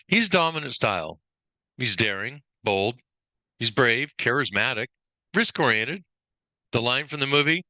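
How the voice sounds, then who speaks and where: A male workplace trainer gives a casual lesson, listing traits in quick succession and sometimes briefly correcting himself. The voice is mid-range, bright, and forceful, with a dry recording.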